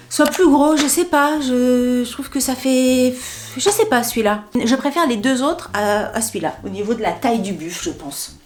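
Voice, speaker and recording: A woman's voice: fairly high pitch, a little mellow, a little hiss or hum. A woman chatting casually through a clothing try-on haul, talking to herself and laughing often. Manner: playful sound effects and filler words. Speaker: fashion haul vlogger.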